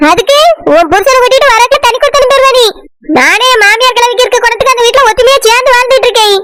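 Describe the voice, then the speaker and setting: A bossy cartoon elder sister, played by a woman who scolds and nags without pause, in a Kanyakumari accent. Her voice is extremely high. Heavy background noise runs through it. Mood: scolding. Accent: Kanyakumari Tamil. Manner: scolding, sharp, nagging.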